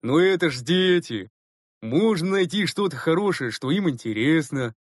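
A man's voice: on the high side, lively intonation, normal speed, dry recording, clean studio sound. A man voicing a good-natured, easygoing bus driver in an audiobook. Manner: easygoing, jovial. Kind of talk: audiobook character reading.

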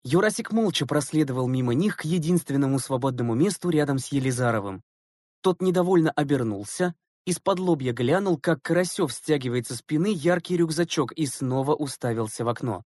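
A man narrating a story as an audiobook reader, in a measured storytelling manner. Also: medium pitch, expressive, a little mellow, no room sound, clean studio sound. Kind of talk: scripted narration.

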